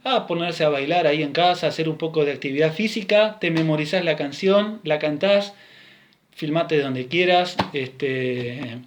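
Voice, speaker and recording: A man's voice: fairly high pitch, unhurried, a little hiss or hum. A man with a Rioplatense Spanish accent, a music teacher giving a recorded class, counting steps and singing rhythm syllables as he explains.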